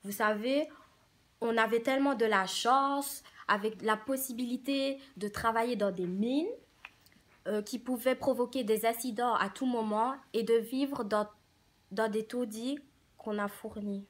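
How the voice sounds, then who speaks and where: Actress for bitter miner's daughter, news testimony, fairly high pitch. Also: female voice, unhurried. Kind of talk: testimony in a staged news interview.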